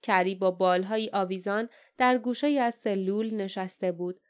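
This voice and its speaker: Woman, audiobook narration, measured, even, smooth resonant tone. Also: mid-range voice. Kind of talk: scripted narration.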